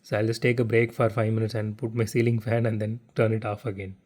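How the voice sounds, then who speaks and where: A man hosting a casual model car unboxing vlog from his living room, talking haltingly with stutters and restarts. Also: fairly low pitch, little pitch movement, a little mellow. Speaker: diecast model car unboxing channel host. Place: home living room without air conditioning.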